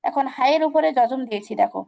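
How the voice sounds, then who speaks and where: High-voiced woman teaching recitation. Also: gravelly, dark tone. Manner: patient, repeats examples slowly, asks students questions. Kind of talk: online class instruction.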